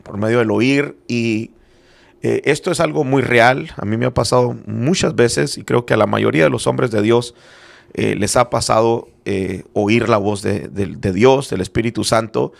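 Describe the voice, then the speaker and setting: A man's voice: mid-range voice, moderate pace, gravelly. A middle-aged man, a church apostle, explaining faith matters in an earnest conversational way, with many hesitant fillers. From Spanish-speaking background, living in Arizona.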